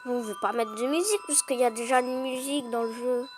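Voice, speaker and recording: Woman, fairly high voice, casual gameplay commentary, hesitant with fillers, game music behind. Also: fairly even intonation, a little fast. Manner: explains while playing, hesitant with fillers. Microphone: phone screen recording.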